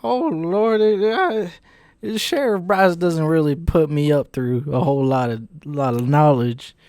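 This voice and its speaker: A man's voice: on the high side, a little slow, a little mellow, no room sound, voice pushed down, natural voice. A man voicing a simple, folksy grown brother with a drawling rural dialect and fretting exclamations, in a tabletop game. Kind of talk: tabletop role-play voice.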